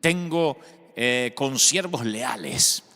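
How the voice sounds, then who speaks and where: A man's voice: mid-range voice, animated, drawn-out words, bright, forceful tone. A man with an Argentine accent, a pastor preaching a sermon with conversational storytelling and humor. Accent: Argentine Spanish. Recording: echoey hall sound.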